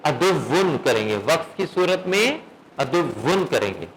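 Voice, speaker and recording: In a recitation class, a man drills sounds slowly one by one, repeatedly questioning his students and often asking "okay?" His voice is fairly high and sing-song, and the rough recording carries a slight hiss or hum.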